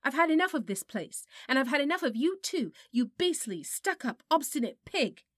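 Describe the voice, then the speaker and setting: Quick-tempered young girl, pitched high, indignant, voiced by a woman reader, storybook. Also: very animated, no echo, clean studio sound. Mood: furious. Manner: indignant, sharp and emphatic.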